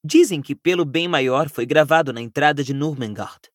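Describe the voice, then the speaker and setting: A man's voice: a little high, normal speed, dry recording, clean studio sound, natural voice. A Brazilian man reading an audiobook, voicing an earnest, reasoning teenage witch girl who pleads and explains patiently. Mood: troubled, explaining. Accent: Brazilian Portuguese. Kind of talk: audiobook character voice.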